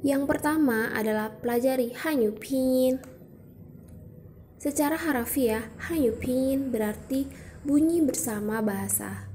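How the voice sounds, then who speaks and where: A woman's voice: high-pitched, unhurried, mellow, slight background noise. A young woman presenting a student educational video, explaining patiently step by step and demonstrating sounds aloud.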